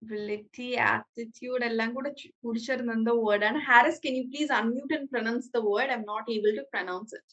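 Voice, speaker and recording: Malayali lady teacher on a video call, bit high voice, slow and patient, keeps saying very good. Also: steady tone, a bit bright, poor audio. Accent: Malayali English. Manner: encouraging, praises students often. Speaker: English teacher. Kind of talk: online class, mixing English and Malayalam.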